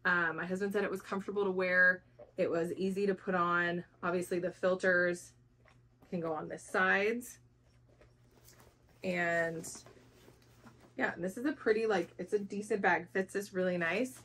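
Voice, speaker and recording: A woman's voice: on the low side, fairly even intonation, measured pace, long pauses, fairly bright tone. A woman hosting a casual product review, talking informally and conversationally as she explains things to viewers.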